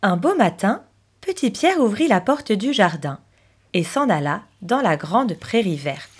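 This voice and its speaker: A woman narrating a children's story in an expressive, animated storybook manner. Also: mid-range voice, unhurried.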